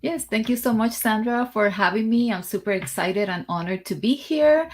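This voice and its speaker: A woman from Puerto Rico, a guest in an interview, explaining calmly and clearly. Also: medium pitch, normal speed.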